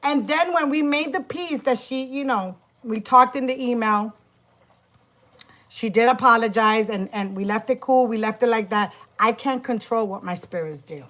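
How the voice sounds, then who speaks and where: Witchy vlogger woman, bright kinda high voice, cussing a lot, keeps restarting her sentences. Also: moderate pace. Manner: emphatic, profane, many restarts. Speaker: spiritual practitioner and YouTuber. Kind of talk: casual vlog storytime.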